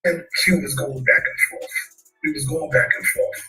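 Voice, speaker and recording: Man, laptop speaker playback, boastful slangy talk, bright edgy tone, muffled screen recording. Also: on the high side, moderate pace, soft background music. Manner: boastful, animated, street slang. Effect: played through laptop speakers and screen recorded.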